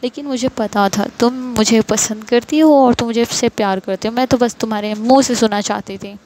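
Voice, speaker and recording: A woman voicing a bold, playful young woman who coaxes her lover in a soft, teasing voice. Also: a little high, a little fast, close to an everyday voice.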